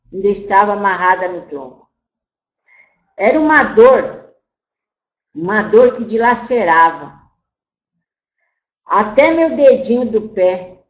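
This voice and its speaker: A woman's voice: medium pitch, muffled recording. A woman voicing the spirit of an old, once-enslaved grandmother. In a channeled spiritual talk, she scolds her listeners and calls them "my child". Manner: storytelling, repeats "my child", scolds then grieves. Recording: roomy echo.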